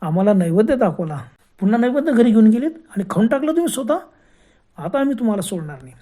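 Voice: mid-range voice, sing-song, fast, dark tone, voice pushed up. A woman voicing a gang of menacing shadowy graveyard spirits in a spoken horror story, taunting and threatening.

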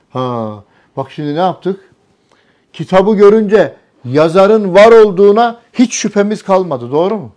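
Warm in tone and medium in pitch, a man gives a religious talk to a small gathering. As their teacher, he keeps asking the listeners questions and echoing their replies.

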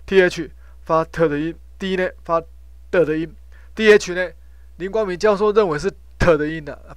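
A middle-aged man giving an informal lecture on Sanskrit pronunciation, repeating himself and ending phrases with a drawn-out "ha". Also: a little high, clear, resonant tone, no echo. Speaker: professor teaching Sanskrit pronunciation.

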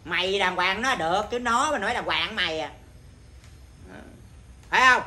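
Man, Buddhist monk, informal dharma talk, naturally loud voice, blunt, scolding, bright tone. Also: high-pitched, animated, normal speed.

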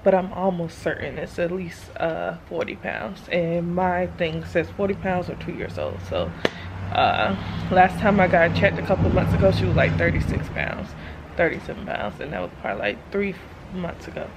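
A woman's voice: lowish voice, animated, normal speed, vocal fry, very noisy. A woman talking casually in a family vlog, chatty and rambling with slangy asides, filmed in and around her van on a tripod camera. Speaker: mom vlogger.

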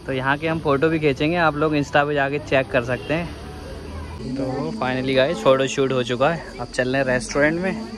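A young man from India keeps a steady, medium-pitched tone and a moderate pace as he casually vlogs on his phone, teasing his friend while walking around a hillside restaurant and park. Clear background noise runs through the outdoor phone audio.

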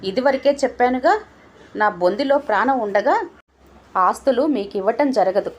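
A woman voicing a suspicious, sharp-tongued old father who taunts his family, in a storybook reading. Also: a little high. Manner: scolding, taunting.

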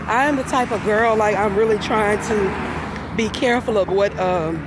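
A woman's voice: mid-range voice, normal speed. A young adult woman casually chatting to viewers as she walks outdoors, holding a phone at arm's length. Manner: talking while walking outdoors, breathy sighs of exertion. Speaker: vlogger. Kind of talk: casual walk-along vlog. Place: outdoors on a residential street. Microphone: phone held at arm's length. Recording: very noisy outdoor street recording. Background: street and traffic noise.

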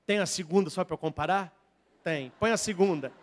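A priest with a Brazilian Portuguese accent preaching a lively sermon, telling stories and jumping from loud to soft, with chatty asides to the audience. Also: male voice, high voice, brisk. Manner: animated storytelling, swings from loud to soft.

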